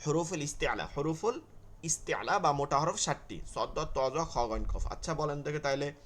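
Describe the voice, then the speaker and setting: A man's voice: on the high side, lively intonation, normal speed, a bit bright. A man teaching an online Quran class, drilling letter names and answering his own questions.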